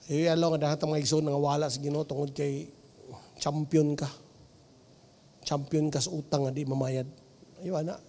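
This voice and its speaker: A man's voice: on the high side, vocal fry. Preaching Filipino man in an echoey hall. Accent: Filipino, Cebuano-speaking region. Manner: lively preaching, mixing in English, with shouts and laughter. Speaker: pastor. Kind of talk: sermon.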